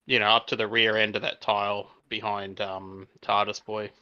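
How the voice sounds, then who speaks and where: A man's voice: fairly low pitch, little pitch movement, moderate pace, pushed and bright. A man playing in a tabletop role-playing game, joking around and hesitating with many ums. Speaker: player. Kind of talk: casual banter at a tabletop game. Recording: dull lo-fi call audio.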